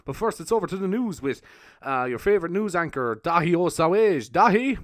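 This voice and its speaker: An Irish man hosting his podcast from home, putting on a loud, bouncy, hyped-up old radio DJ voice. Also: sits high, big pitch swings, brisk, dry recording, studio quality. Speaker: podcast host. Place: home room, evening.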